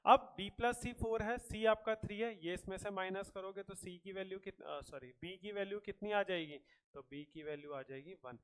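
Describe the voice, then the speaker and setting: A man with a fairly high voice teaches a math lesson for exam preparation. He walks through each problem step by step and keeps checking that his students are following. He mixes English math terms into his Hindi. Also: moderate pace, clean tone. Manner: explains step by step, often checks in with "thik hai" and "bachchon". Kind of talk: exam-prep math lecture.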